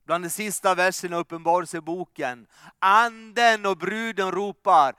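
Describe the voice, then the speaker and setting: Fervent preaching man, high, smooth voice. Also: fairly even intonation, dry recording, clean studio sound. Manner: fervent, swings from loud calls to soft hushed asides. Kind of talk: sermon.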